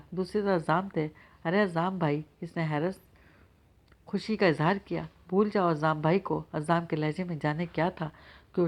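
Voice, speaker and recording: A woman narrating a novel in a steady, measured reading. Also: on the low side. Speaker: audiobook narrator.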